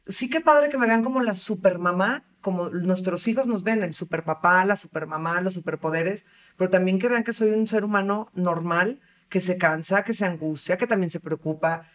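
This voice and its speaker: A woman's voice: medium pitch, distant mic. A woman, a mother hosting an interview, sharing her own struggles and asking questions. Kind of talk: conversational interview.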